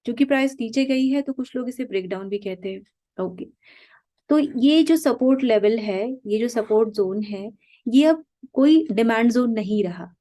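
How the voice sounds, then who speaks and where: A woman's voice: fairly high pitch, moderate pace, mellow. A woman teaching stock trading, explaining points over a chart in a patient way, often saying "okay" and asking questions herself before she answers them.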